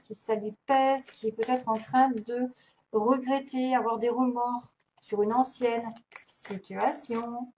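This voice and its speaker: A woman's voice: on the high side, a little mellow. A woman doing a casual tarot reading, chatty and thinking aloud with many fillers and small laughs. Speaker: tarot reader. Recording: dull lo-fi recording, faint noise.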